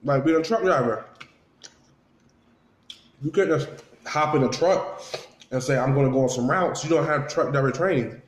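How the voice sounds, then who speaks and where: A man's voice: mid-range voice, moderate pace, long pauses, a little hiss or hum. A man telling a casual story to viewers while eating, chewing between phrases and acting out what people said in a conversational way. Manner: conversational, acts out reported dialogue, repeats for emphasis. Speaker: vlogger. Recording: roomy, echoing sound.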